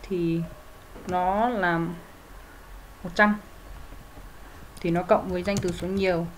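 Woman explaining grammar, soft hum behind. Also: on the low side, fairly even intonation, slow. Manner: methodical, with frequent fillers and self-corrections. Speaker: English teacher.

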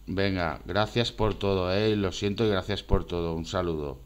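A man with a deep, low voice talks casually while walking through something on his computer screen. He rambles, restarts and repeats phrases as he thinks aloud, in an offhand, unscripted way. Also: steady tone, normal speed, clear, resonant tone. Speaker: screencast maker. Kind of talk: casual screen-recorded demo.

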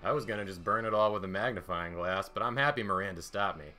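A man's voice: on the low side, fast talker, sharp tone, soft background music. A man voicing a smug young demon who favors violence, in an offhand, bored manner.

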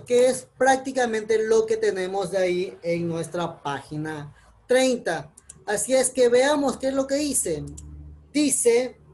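A woman's voice: mid-range voice, a little mellow. A female English teacher from recording a class, patiently explaining grammar step by step and spelling out letters in speech.

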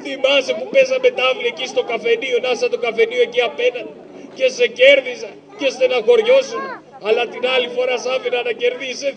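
A man voicing a cheeky, poor shadow-puppet trickster in a high, nasal, wheedling tone at an outdoor show. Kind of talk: live shadow-puppet theater.

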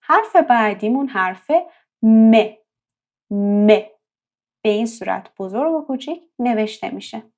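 Fairly high-voiced woman teaching slowly. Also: animated, a little mellow. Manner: slow, drawn-out repetition of example words. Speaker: language teacher. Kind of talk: language lesson.

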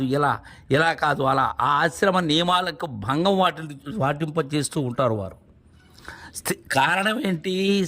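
A man teaches in a devotional discourse, explaining verses one phrase at a time. His voice sits a little high for a man. He repeats his points and asks rhetorical questions. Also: a bit bright.

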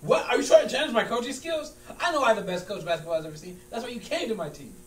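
A man's voice: high voice, animated, fast talker, a bit bright. A man acting out a stubborn, muddled, easily riled basketball coach in an argumentative comedy scene. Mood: indignant. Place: large room with small stage, indoors. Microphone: far camera. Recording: distant, echoey room with hum and noise.

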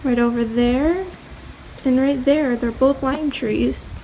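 Her voice is high and fairly even, and she speaks slowly as she gives a chatty, filler-heavy tour of a vacant house. She's a teenage girl filming on a phone at arm's length, and the bare indoor rooms echo over a faint hum.

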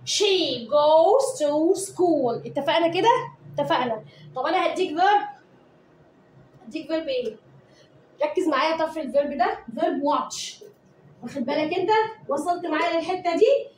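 High-voiced Egyptian woman teaching children. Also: fast talker, long pauses, reverberant, distant mic, slight background noise, rough recording. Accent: Egyptian Arabic. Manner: lively, coaxing, repeats rules in sing-song chants. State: has a cold. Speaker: English teacher. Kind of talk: online grammar lesson to children.

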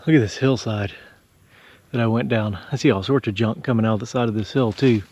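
A man's voice: medium pitch, brisk, darkish tone, dry recording, highs cut off. A man, narrating casually as he explores rural woods and thinks aloud about what he finds. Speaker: explorer vlogger.

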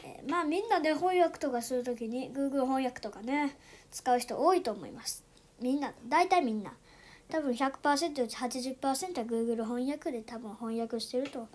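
Woman, high voice, casual tutorial host, chatty, many fillers, soft asides. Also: moderate pace. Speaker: YouTube channel host.

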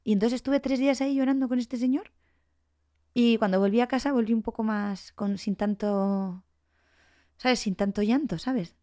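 A fairly high-pitched woman in her forties, speaking at normal speed with a Spanish accent from Spain, is a guest on a podcast. She recounts her own story openly and emotionally, animatedly reenacting the dialogue of others.

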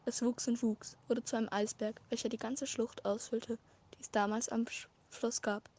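Woman reading a dark fan-fiction tale. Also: fairly high pitch, flat delivery. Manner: measured, dramatic reading with occasional slips. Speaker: amateur audiobook reader. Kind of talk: scripted storybook narration.

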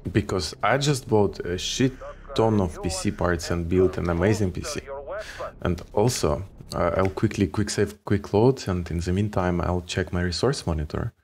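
While streaming a game, a deep-voiced man with a Ukrainian accent offers relaxed, casual commentary at a normal pace, swearing offhandedly.

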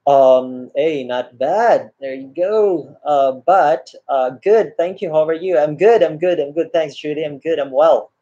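His voice is on the high side and warm, with a measured pace and few pauses. A friendly man in his 30s, he chats with live-stream viewers from a small indoor room, greeting them by name, reading their comments aloud, and laughing often, all captured with the dull lo-fi sound of a laptop webcam mic.

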